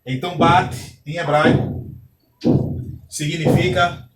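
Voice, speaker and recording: Male teacher, fairly high voice, patient and repetitive, recorded from a distance. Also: little pitch movement, slow pace. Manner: patient, repeats key points, asks the class questions. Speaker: Hebrew teacher. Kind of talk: recorded lesson, explaining step by step. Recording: echoey room, distant from mic.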